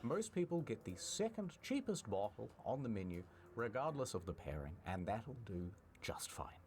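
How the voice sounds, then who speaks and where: Man, comedic scripted narrator, theatrical, mock-serious, animated pitch, faint background noise. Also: moderate pace. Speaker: video narrator and ad presenter.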